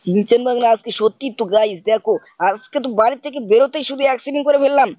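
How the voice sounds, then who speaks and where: This gaming host speaks at medium pitch, very fast, with a darkish tone, playfully scolding as an uncle over gameplay and constantly asking "bujhchhis?" No room sound comes through.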